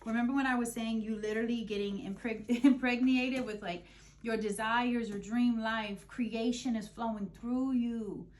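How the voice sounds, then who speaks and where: A woman's voice: a little high, steady tone, normal speed. A woman giving a casual spiritual tarot reading, emotional and openly swearing, calling her listeners babe and boo. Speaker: tarot reader.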